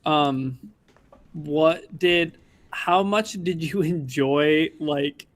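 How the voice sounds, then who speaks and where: A man's voice: on the high side, extremely slow. A man co-hosting a casual sports podcast, joking and rambling as he talks.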